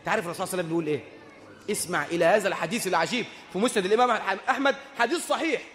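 A man's voice: high-pitched, rapid-fire, a bit bright, in a large hall. A man with an Egyptian Arabic accent preaching a sermon, telling a story with humor and asking the audience rhetorical questions.

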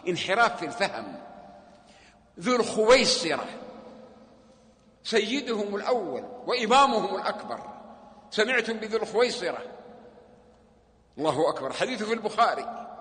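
A man's voice: sits high, sing-song, fairly quick, pauses often. A man teaching a mosque lesson, emphatic and rhetorical, putting questions to his listeners. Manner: emphatic, rhetorical, swings from loud to hushed. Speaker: sheikh teaching hadith. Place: mosque hall. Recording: echoey mosque hall.

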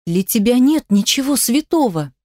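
A woman's voice: on the high side, lively intonation, moderate pace, a little mellow, no echo, clean studio sound, close to an everyday voice. A woman voicing a proud young ballerina in an audiobook, speaking in shaky, angry outbursts.

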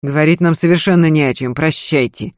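A man voicing a gruff, contemptuous nobleman husband in an audiobook reading. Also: a little high, fairly quick, no room sound, studio quality, close to an everyday voice. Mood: curt scornful. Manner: curt and scornful, speaking through his teeth.

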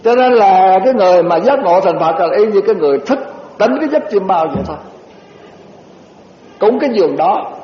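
Older monk, high-pitched, echoing hall. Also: male voice, a little hiss or hum. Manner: conversational, slowly recites verse. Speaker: Buddhist monk teacher. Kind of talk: dharma talk. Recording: roomy hall, dull lo-fi sound.

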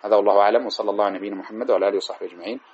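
Fast-talking husky man teaching. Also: lowish voice, highs cut off. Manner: retells narrations with quoted speech, lively storytelling. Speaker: hadith teacher. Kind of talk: religious lesson commentary. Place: live-streamed lesson session.

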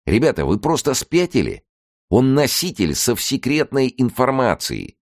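A man voicing an indignant, high-strung male secret-police colonel in an audiobook, shouting in outrage. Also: sing-song, measured pace, no room sound, clean studio sound.

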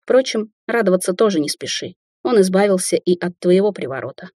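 A woman's voice: lowish voice, lively intonation, fairly quick, darkish tone, no echo, studio quality. A woman reading a guarded, troubled young heroine. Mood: weary. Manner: suspicious and earnest. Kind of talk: audiobook character voice.

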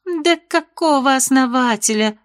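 A woman reads an audiobook role as an evasive fairy headmistress, her slightly high voice soothing yet dismissive. She keeps a measured pace.

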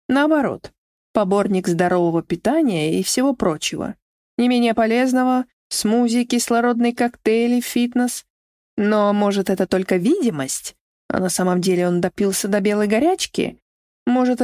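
A woman reading an audiobook aloud in an expressive storytelling manner. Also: no room sound, clean studio sound. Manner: expressive, shifting into shrill character voices. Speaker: audiobook narrator. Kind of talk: scripted narration.

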